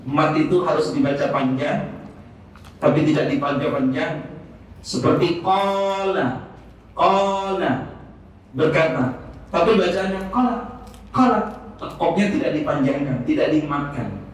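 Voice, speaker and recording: A man's voice: fairly high pitch, normal speed. A man teaching as a religious instructor, answering questions and reciting Arabic phrases with a melody. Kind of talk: Islamic study talk, Q&A. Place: hospital hall. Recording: echoey hall, distant mic, faint noise.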